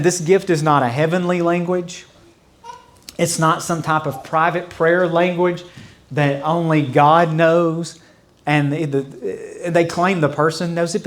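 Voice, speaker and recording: A fairly high-voiced man teaching a church Bible study as its pastor. He talks in a loose, conversational way, circling back to repeat his points and adding asides. At times he drops into babbling imitations that fade away. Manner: conversational, explains with repetition and asides; mimics mocking babble with fading repeats.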